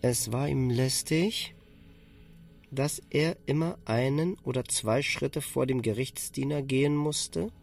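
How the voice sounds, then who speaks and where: A man's voice: mid-range voice, slow, gravelly, darkish tone. Man narrating a literary radio drama.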